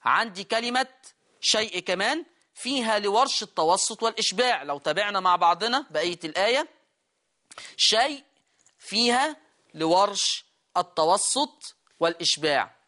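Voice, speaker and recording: A man with an Egyptian accent, a Quran recitation teacher explaining rules in a lesson. He asks his students questions, repeats key words and slows down to sound them out. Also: high voice, bright, forceful tone. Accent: Egyptian Arabic.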